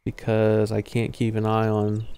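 A young live streamer talks through a fishing game into his headset in a lowish, dark voice, completely flat and a little slow, over slight background noise. His casual commentary wanders into fillers and half-finished thoughts.

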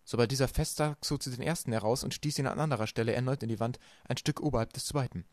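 An audiobook reader narrates a storybook quickly and with lively energy. His medium-pitched voice sits in a middle register, and the recording is close and dry with no room sound.

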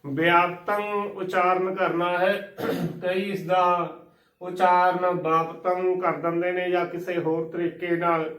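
Man, patient teacher, high voice, unhurried, echoey distant recording. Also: monotone. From Punjab. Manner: patient, spells letter by letter, repeats each word slowly. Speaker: gurbani pronunciation teacher. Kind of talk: slow spelled-out recitation lesson.

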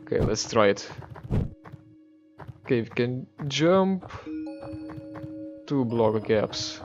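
A man's voice: mid-range voice, expressive, slow pace. A man giving let's play commentary, wry and talking to himself as he plays. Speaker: gamer. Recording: dull lo-fi recording. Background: faint game music.

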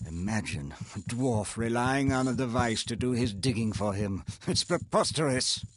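A man playing a wealthy self-made inventor in a video game, telling his story in a measured, earnest, formal way, proud and regretful. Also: medium pitch, animated, dry recording, studio quality, lightly acted. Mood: wistful, regretful. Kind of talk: reading video game dialogue aloud. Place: indoor home streaming setup, close and dry.

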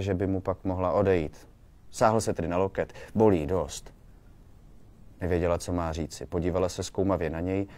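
A man reading a short story aloud in a calm, measured way. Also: deep voice. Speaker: reader.

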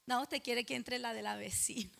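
A Chilean woman preaching a sermon at a church service. She is dramatic, questions the congregation directly, and builds to loud, emphatic exhortation. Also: fairly high pitch, steady tone, normal speed, vocal fry.

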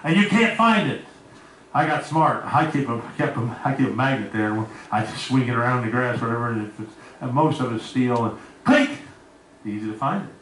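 Folksy pastor, echoey church. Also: male voice, medium pitch, lively intonation, moderate pace, a bit bright, slight background noise. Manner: folksy storytelling, talks to congregation members by name. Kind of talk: sermon. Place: church sanctuary. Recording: echoey room, voice from far off.

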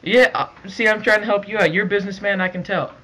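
High-voiced man prank calling over the phone. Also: bright, forceful tone. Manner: talking over the phone, halting and repetitive. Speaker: prank caller. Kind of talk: casual chat on a phone call. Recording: dull lo-fi phone call recording.

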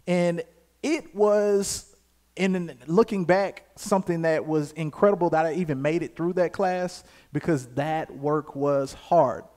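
A young man, preaching a sermon as pastor, moving from calm scripture reading to loud, emphatic exhortation. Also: on the high side, a little slow.

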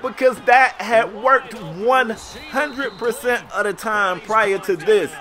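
A high-pitched American man takes his time calling the action in a sports video game. His play-by-play is casual, slangy, and told with animated storytelling flair.

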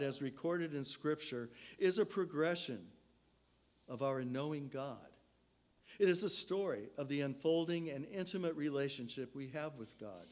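An older preacher gives a sermon from a lectern in a church sanctuary, his fairly high voice caught by a stand mic. He talks in slow, measured phrases, letting his voice drop and soften at the end of every line.

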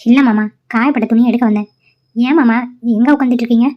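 A woman voicing a caring, frank young woman who speaks earnestly and gently scolds, in a cartoon drama. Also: fairly high pitch, fairly even intonation, fast talker, lo-fi sound, close to an everyday voice.

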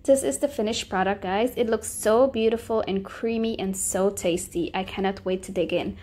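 A woman's voice: mid-range voice, normal speed, dark tone. Friendly woman narrating a cooking recipe. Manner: friendly step-by-step instructions. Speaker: cooking channel host.

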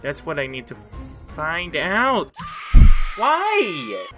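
A man giving casual gameplay commentary in an excitable, sweary, exasperated manner. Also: mid-range voice, a little slow, over music. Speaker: gamer commentator.

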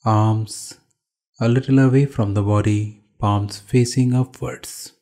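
In a fairly low-pitched voice, a yoga instructor with an Indian accent guides a meditation. His instructions are short and calm, with pauses separating each phrase.

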